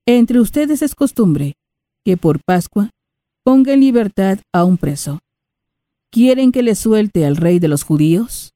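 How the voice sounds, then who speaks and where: A woman's voice: mid-range voice, animated, a little slow, warm tone, dry recording, clean studio sound, natural voice. A woman reading the part of Pilate, a stern male Roman governor, in a raised, questioning voice.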